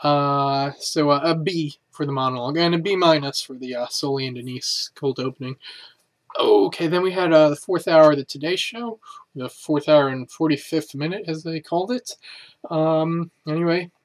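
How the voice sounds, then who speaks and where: A man reviewing a comedy show in a casual, halting way, with many filler words. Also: fairly high pitch.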